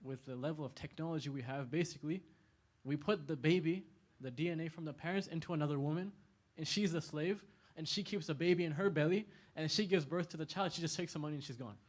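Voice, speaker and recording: A man lecturing a youth audience at an Islamic center in a casual, animated way. He laughs often and talks in a large indoor hall. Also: on the high side, fast talker.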